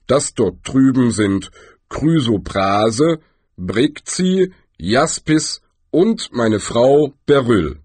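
A man voicing a huge, gloomy male troll who speaks slowly and deliberately. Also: lively intonation, darkish tone, slightly rough, no room sound, exaggerated voice. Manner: slow, deliberate and rumbling.

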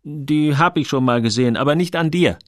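A man's voice: a little high, brisk, no room sound, clean studio sound, voice pushed up, natural voice. A man voicing a shy, awkward young boy who talks in a hesitant, earnest way, in an audiobook.

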